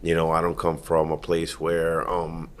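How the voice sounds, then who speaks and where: A man from the Dominican Republic, a firefighter guest, telling his story in a relaxed, conversational way. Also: rumbling low, measured pace, slight background noise. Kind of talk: casual interview storytelling.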